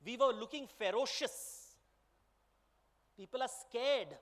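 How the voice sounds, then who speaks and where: A man's voice: very high voice, expressive, slow, heavily acted. A man with an Indian accent voicing a wise prince who patiently explains to his younger brother. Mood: earnest.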